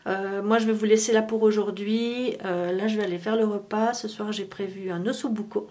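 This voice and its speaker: A woman's voice: medium pitch, fairly even intonation, normal speed, darkish tone. A woman chatting casually at home while showing a craft, hesitant and full of fillers and restarts. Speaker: crafting vlogger. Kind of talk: casual vlog chat, crafting tutorial.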